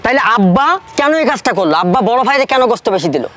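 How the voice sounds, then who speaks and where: A man's voice: extremely high pitch, big pitch swings, a bit bright, full character voice. A man playing a hot-headed young son. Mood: aggrieved. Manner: agitated, rapid, argumentative. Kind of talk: short film acting.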